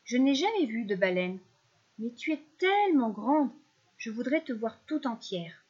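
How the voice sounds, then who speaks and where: A woman's voice: a little high, sing-song, measured pace, darkish tone, breathy edge, highs cut off, heavily acted. A woman voicing a small, brave, cheerful male fish in a storybook reading. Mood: eager.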